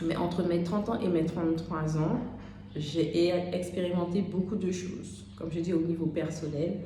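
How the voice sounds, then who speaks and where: A woman in her thirties, a life coach giving an unscripted motivational talk, speaking straight to the listener and pausing often on "euh". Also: lowish voice. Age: 30s. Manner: unscripted, addresses listener as "tu", many "euh" pauses. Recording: very echoey room with steady background noise.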